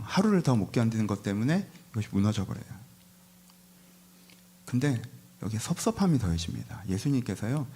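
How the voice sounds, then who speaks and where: A man's voice: fairly low pitch, dark tone. A male pastor giving an Easter Sunday sermon in a conversational style, asking the congregation rhetorical questions and slipping into casual asides. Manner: mixes polite speech with casual asides. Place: church service.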